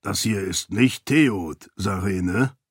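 Man doing a raspy gruff uncle. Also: sits low, slow, no room sound, studio quality, voice pushed down, full character voice. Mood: dry. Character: gruff middle-aged man, uncle, cook. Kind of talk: audiobook character voice.

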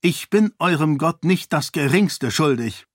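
A man's voice: on the high side, lively intonation, unhurried, no room sound, studio quality, voice pushed up. A man doing a defiant young princess. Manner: defiant, scornful.

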